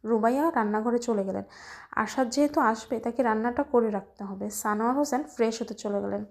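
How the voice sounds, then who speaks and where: A woman narrating a romance story in an even, scripted read. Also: a little high, brisk, creaky.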